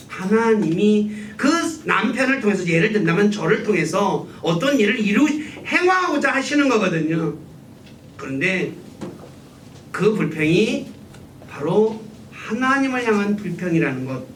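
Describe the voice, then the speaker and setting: Man preaching, keeps asking the room questions and answering them, swoops up and down a lot, church echo. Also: fairly bright tone. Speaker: pastor. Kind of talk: sermon. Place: church sanctuary. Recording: echoey church room, mic at a distance, faint rumble.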